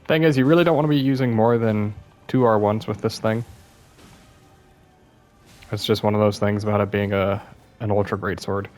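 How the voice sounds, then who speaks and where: A man's voice: lowish voice, fairly even intonation, normal speed, long pauses, a little mellow, faint music behind. A young man giving casual, self-deprecating commentary over his gameplay, sounding a bit worn out and apologizing often. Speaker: gaming YouTuber.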